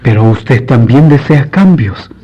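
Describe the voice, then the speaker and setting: Speaking through a dull lo-fi radio recording, a man with a mid-range, animated voice plays a devout priest in a radio drama. He remains courteous, formal and measured, his mood earnest and pious.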